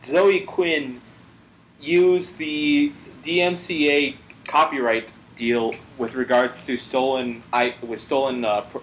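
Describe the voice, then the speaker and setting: A man's voice: mid-range voice, steady tone, slow pace, echoey room, a little hiss or hum, rough recording. A man co-hosting a casual gaming podcast, speculating aloud with frequent restarts and slips of the tongue. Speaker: podcast co-host.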